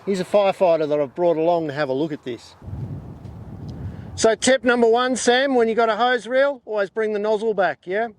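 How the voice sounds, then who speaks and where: A man's voice: high-pitched, brisk, a little hiss or hum. An Australian man presenting a product review in an informal, matey and folksy way.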